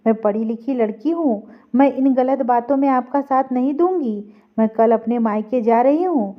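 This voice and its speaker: A young, educated bride from an audio story who speaks firmly and resolutely, read by a woman. The voice is high. The recording is dull and lo-fi. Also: expressive, unhurried. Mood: defiant. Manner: firm, resolute.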